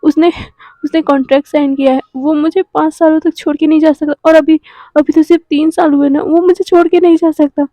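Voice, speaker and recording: Woman acting young husband wild with grief, stammering, pleading, high, mellow tone. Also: steady tone, a little fast, no echo, close to an everyday voice. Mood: desperate. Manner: stammering, pleading, breaking into cries. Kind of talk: dramatic storytelling reading.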